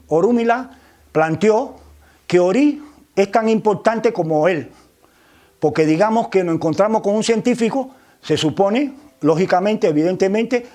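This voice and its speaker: A man's voice: sits high, mellow. A man teaches religious vocabulary as a lecture, often adding tag questions and repeating words while searching for the next. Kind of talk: explanatory lecture.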